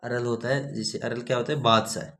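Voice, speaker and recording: A man's voice: medium pitch, steady tone, a little fast, fairly bright tone. A man teaching a grammar lesson, spelling words out letter by letter and asking his students questions.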